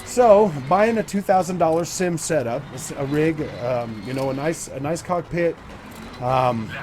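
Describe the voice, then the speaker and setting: Hosting his gaming channel, a forties-aged man offers rambling, filler-heavy commentary while racing. His voice is a little high and a little slow, and the background is noisy with game engine sounds.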